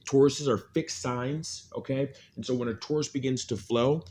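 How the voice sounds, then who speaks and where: A man's voice: medium pitch, fairly even intonation, moderate pace, a little mellow, slightly rough. Man giving a mystical horoscope reading. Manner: repeats phrases for emphasis, incantatory. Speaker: tarot reader, horoscope host.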